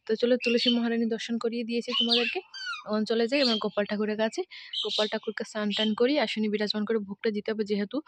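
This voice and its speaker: Fast-talking chatty woman vlogger. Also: medium pitch, no room sound. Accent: Sylheti-influenced Bengali. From Assam, India. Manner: chatty, addresses viewers as friends. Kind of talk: casual home vlog narration. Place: village home kitchen and yard.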